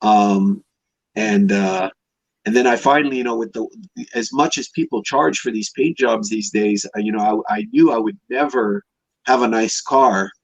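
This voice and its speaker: Appearing as a podcast guest, this Hawaiian classic car restorer in his fifties tells personal stories in a loose, meandering, conversational manner. He has a husky, lowish voice at a moderate pace, with no room sound over a dull, dry lo-fi line.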